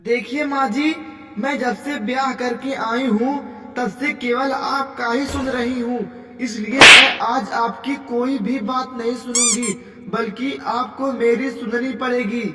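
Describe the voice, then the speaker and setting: A performer voicing a sharp-tongued, cheeky young daughter-in-law in a cartoon comedy skit. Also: female voice, a little high, fairly even intonation, measured pace, close to an everyday voice. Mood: defiant. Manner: cheeky, quarrelsome. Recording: echoey, distant, loud music behind.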